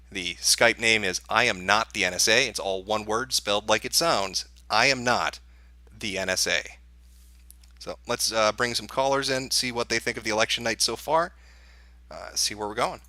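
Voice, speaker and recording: Brief: male livestream host, lowish bright voice, dry sound, sarcastic. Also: moderate pace, dry recording. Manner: profane, sarcastic. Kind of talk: casual live commentary.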